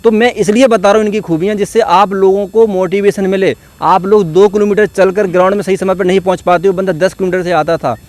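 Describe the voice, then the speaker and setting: A man's voice: high voice, fairly even intonation, fast, few pauses, darkish tone. A man, a coach giving an earnest, encouraging motivational talk to his students at an outdoor gathering. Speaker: coach at a police exam academy.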